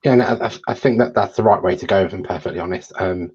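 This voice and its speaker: A man's voice: low-pitched, fast talker, a little mellow, breathy edge. A man hosting a show, talking casually in a conversational interview, on dull lo-fi audio. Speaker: show host.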